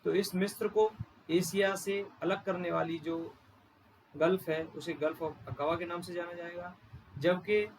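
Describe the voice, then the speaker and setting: A male teacher with a slightly high voice walks through a map lesson for exam students, repeating each place name slowly and spelling some out. A faint hum of room noise sits behind him. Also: low-quality recording. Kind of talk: exam-prep map lecture.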